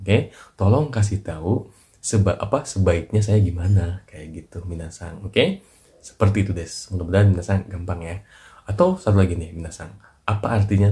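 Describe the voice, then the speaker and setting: A man teaching in a casual, chatty way, trailing off softly at the ends of his lines. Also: deep voice. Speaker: Japanese language teacher. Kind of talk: casual lesson in short clips. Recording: noisy recording with clicks.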